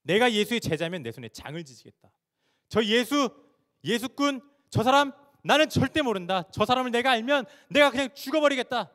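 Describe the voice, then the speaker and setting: A man acting out a desperate disciple who loudly swears he never knew his teacher. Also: extremely high pitch, animated, fairly quick, pitched above the performer's own voice. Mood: defiant. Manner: loud and vehement. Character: Peter, man cursing his denial.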